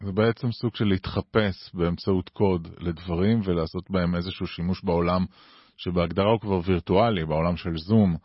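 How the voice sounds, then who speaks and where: A man with a lowish, husky voice hosts a podcast, asking and explaining in an informative style. The sound is very dry and slightly muffled. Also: steady tone, dry recording. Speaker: podcast host. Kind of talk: interview questions and scripted explanatory narration.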